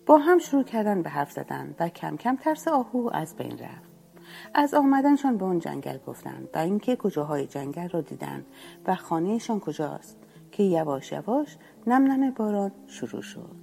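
Woman storyteller for a children's tale, low and warm, expressive reading over soft music. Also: creaky.

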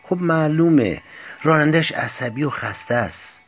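Man reading her as a stubborn young woman, flat matter-of-fact answers, husky voice. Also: a little high, faint music behind, pitched above the performer's own voice. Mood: knowing.

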